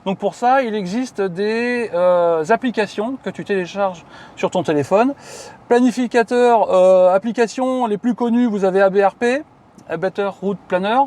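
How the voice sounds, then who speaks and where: A man's voice: high voice, normal speed, a little mellow. A man, hosting and casually explaining electric cars to a colleague, chatty with many fillers. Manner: chatty, many fillers, asks viewers questions.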